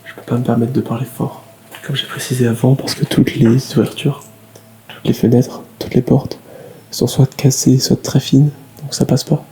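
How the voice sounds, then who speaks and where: A man giving hushed, halting commentary while exploring a large abandoned building, filmed with a camera-mounted mic. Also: medium pitch, flat delivery. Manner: hushed, halting, with many fillers. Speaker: urban explorer. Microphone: camera-mounted shotgun mic. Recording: echoey hall with faint ambience.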